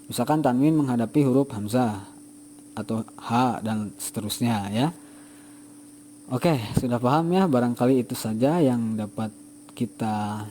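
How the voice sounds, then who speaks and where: A male teacher giving a patient tajwid lesson to students, repeating each example slowly. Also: mid-range voice, warm tone, a little hiss or hum.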